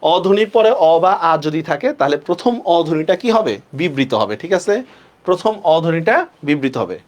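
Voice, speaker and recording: Male tutor, fairly high and very animated, drills rules slowly and keeps asking the class questions. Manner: asks students frequent check-questions; stretches words slowly when stressing rules. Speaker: teacher. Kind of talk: online class lecture.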